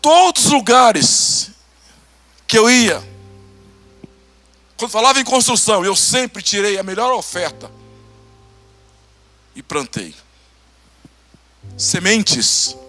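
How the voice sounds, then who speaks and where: A Brazilian pastor preaching a testimony sermon, acting out conversations and laughing as he tells it. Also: high-pitched. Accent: Brazilian Portuguese. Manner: animated, acts out dialogue, laughs.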